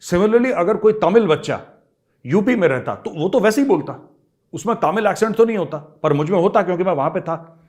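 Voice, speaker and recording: A man's voice: high-pitched, expressive, brisk, darkish tone. A middle-aged man giving emphatic political commentary, talking straight to his viewers and repeating his points for emphasis. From India.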